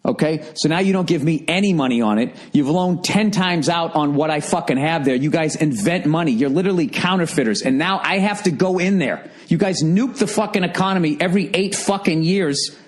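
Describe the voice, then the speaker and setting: Speaking fairly quickly with hardly any pauses, a middle-aged American man hosts his podcast alone. His higher-pitched voice drives a profane, exasperated comedic rant.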